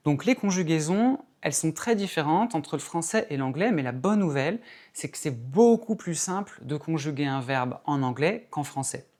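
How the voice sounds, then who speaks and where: A man teaching English in an explanatory video lesson, speaking in a measured way, stressing key words and demonstrating pronunciation examples. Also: fairly high pitch, animated, darkish tone.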